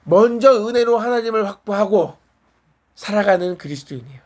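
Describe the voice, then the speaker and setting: A man's voice: high-pitched, lively intonation, brisk, darkish tone. A man preaching a sermon in a small church, conversational and asking the congregation questions and answering back.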